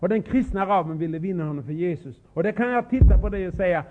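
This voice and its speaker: An older man preaching a revival sermon with strong emotion, swinging from loud exclamations to hushed asides. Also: sits high. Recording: tinny narrow-band old recording.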